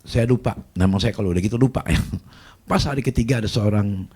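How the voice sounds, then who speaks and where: A man preaching a sermon as pastor, telling a story and acting out the other people's lines in loud raised bursts. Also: fairly low pitch, fast talker, slightly rough. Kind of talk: sermon with acted-out dialogue.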